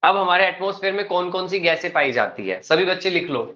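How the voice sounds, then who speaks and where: A male teacher lectures a class at an unhurried, even pace and keeps stopping to check that the students follow. His voice is bright and forward. The classroom recording is muffled and lo-fi. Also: high-pitched.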